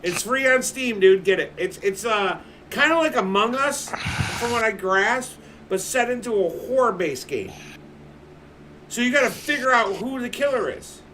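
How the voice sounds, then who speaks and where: A man's voice: sits high, expressive, moderate pace. A man in his forties, a livestream host, chatting casually in a blunt, swearing manner. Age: 40s. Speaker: streamer. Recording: distant mic with background noise.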